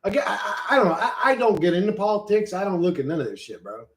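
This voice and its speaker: Very animated and fast, this man's voice sits high as he streams live. Loose and profane, he rambles through reading and answering chat, saying "bro" to everyone again and again.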